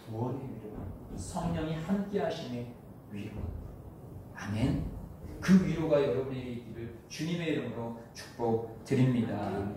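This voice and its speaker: A male pastor preaching a sermon with passion, dropping to a hush and then rising to loud cries. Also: mid-range voice, background noise. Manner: impassioned preaching, swings from hushed to loud cries. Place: church sanctuary. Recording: very echoey hall, from a distance.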